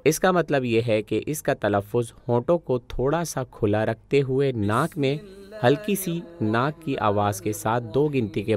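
A man teaching Quran recitation, explaining pronunciation rules in a calm, methodical, step-by-step way. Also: mid-range voice.

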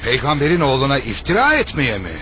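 An actor playing an indignant loyal believer in a historical drama, challenging others in an accusing, emphatic manner. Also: male voice, mid-range voice, huge pitch swings, fast, bright, forceful tone, a little hiss or hum. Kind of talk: dubbed historical drama acting.

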